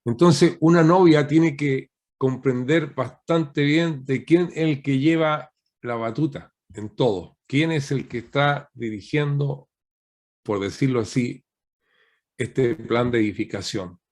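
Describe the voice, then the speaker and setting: Guy pastor preaching on a video call, mid pitch, lots of rhetorical questions, teachy sermon vibe. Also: a little mellow. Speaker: guest pastor.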